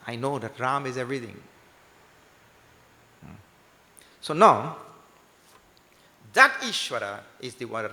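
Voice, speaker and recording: Bright-voiced man preaching in a reverberant hall. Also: mid-range voice. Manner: emphatic, repeats points, poses questions and answers them. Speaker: swami giving a scripture discourse. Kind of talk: sermon with question-and-answer teaching. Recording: echoey hall with long reverb, faint music.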